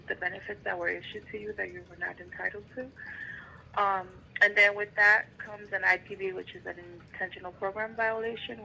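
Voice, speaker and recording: Woman caseworker, procedural phone manner, sharp gravelly tone, faint phone-line noise. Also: medium pitch. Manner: procedural, uses filler ums. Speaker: state benefits caseworker. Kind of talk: phone call explaining procedure.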